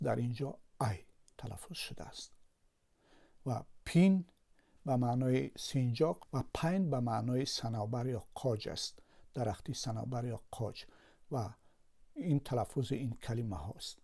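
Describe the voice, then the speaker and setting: Patient man teaching, mellow voice. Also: medium pitch, vocal fry, breathy edge. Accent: Tajik Persian. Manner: slow, patient explaining with examples. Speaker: language teacher. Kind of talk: explaining an English lesson.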